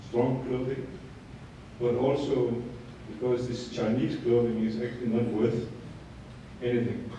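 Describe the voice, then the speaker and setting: An older man from Denmark giving a conference talk in an unhurried, halting way with many fillers. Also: medium pitch, darkish tone, slight background noise. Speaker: conference speaker. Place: conference hall.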